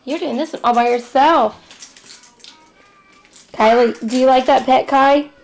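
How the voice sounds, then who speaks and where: High-voiced mom coaxing her kids. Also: a little slow, creaky, a little hiss or hum. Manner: coaxing, talks sweetly to small children. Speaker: mother filming her kids. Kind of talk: casual family vlog.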